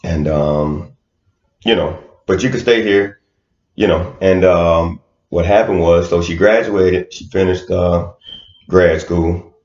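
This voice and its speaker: A man's voice: sits low, takes it slowly, darkish tone. A man co-hosting a podcast in casual chat, laid-back and hesitant with many fillers. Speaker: podcast co-host. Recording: roomy, dull lo-fi sound.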